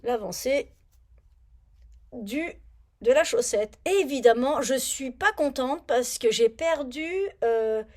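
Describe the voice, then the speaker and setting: A chatty woman talking through her knitting projects in a relaxed vlog, her voice sitting a little high. She rambles, mutters to herself while searching for her things, and grumbles when something annoys her. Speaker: knitting vlogger. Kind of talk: casual knitting vlog chat.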